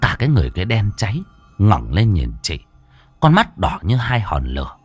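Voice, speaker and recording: A man narrating a ghost story in an expressive, animated storytelling manner. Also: moderate pace, soft background music. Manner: lively, expressive storytelling with big pitch swings.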